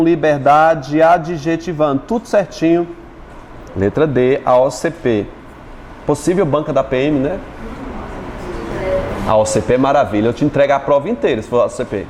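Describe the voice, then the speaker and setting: A man with a Brazilian Portuguese accent teaching an exam-prep lesson, chatty and joking, stretching words out slowly as he splits syllables. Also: on the high side, a little mellow, a little hiss or hum. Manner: chatty, jokes with students, spells words out slowly.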